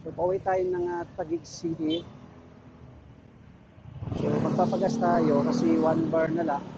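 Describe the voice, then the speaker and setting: Riding on city roads, a Filipino-accented motorcycle vlogger who also works as a ride-hailing rider chats casually and haltingly in a slightly high, flat voice. He's recorded on a dull wireless Bluetooth mic amid loud vehicle and traffic noise.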